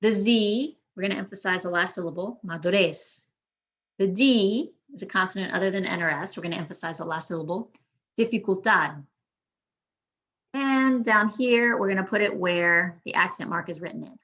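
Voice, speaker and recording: A woman teaching a Spanish pronunciation lesson, speaking clearly and patiently and modeling each word slowly. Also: mid-range voice, fairly bright tone, highs cut off.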